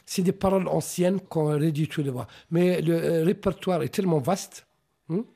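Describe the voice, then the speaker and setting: In a reflective radio interview, the Mauritanian novelist, Arabic being his first language, stops and restarts his sentences often. He speaks on the high side with vocal fry and a dark tone.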